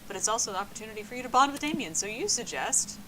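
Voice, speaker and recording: A woman's voice: medium pitch, animated, rapid-fire, fairly bright tone. A woman streamer reading game text aloud in a playful, giggly way. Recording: noisy stream audio.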